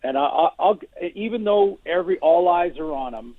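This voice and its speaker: A man giving measured football analysis as a guest on a sports radio show, restarting his sentences often. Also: a little high, animated, no echo. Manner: measured, many restarts and hedges. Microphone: phone. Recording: tinny phone line.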